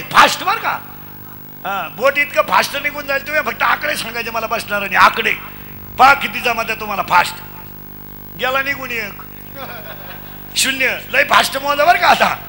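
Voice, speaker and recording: High, bright-voiced preacher man. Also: animated, moderate pace, slight background noise. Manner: rhythmic chanting lists, quizzing the audience. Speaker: kirtan preacher. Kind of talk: comic devotional sermon to a live crowd.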